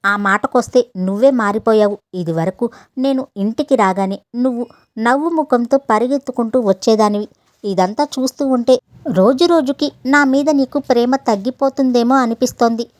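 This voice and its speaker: A woman's voice: on the high side, moderate pace, a little mellow, dry recording, studio quality, lightly acted. A woman voicing a young husband, a busy doctor, who answers his wife in an exasperated, defensive way, read in an audio story.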